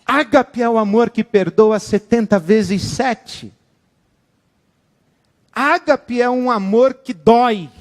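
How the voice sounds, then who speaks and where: A man preaching in an animated, dramatic way, his voice pitched high and bright for a man. A long hall reverb trails behind each phrase. He acts out the words of the people he quotes. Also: takes it slowly, long pauses. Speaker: pastor. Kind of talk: sermon.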